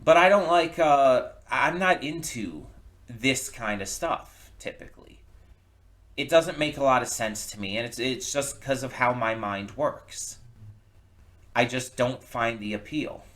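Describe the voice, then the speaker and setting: A reaction video host with a mid-range, slightly bright voice shares post-viewing thoughts in casual, unscripted commentary. He thinks aloud reflectively and haltingly, often repeating words.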